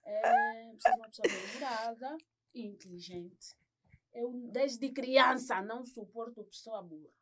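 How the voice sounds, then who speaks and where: A woman's voice: on the high side, sing-song, normal speed, a crowd in the background. A young woman with an Angolan Portuguese accent, co-hosting a casual chat, speaking frankly and emphatically and often checking in with her listener. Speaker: podcast co-host.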